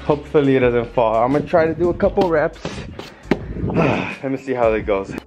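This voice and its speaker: A man's voice: mid-range voice, animated, moderate pace, muffled recording, music in the background. Laid-back young man vlogging on a patio. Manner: laid-back, rambling, chatty. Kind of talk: casual product review vlog. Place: outdoor covered patio.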